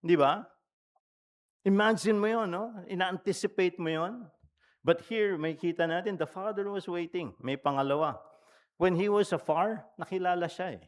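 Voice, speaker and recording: A man's voice: sits high, moderate pace. A male pastor preaching a sermon in a conversational, storytelling way, asking the congregation questions and switching between Tagalog and English mid-sentence.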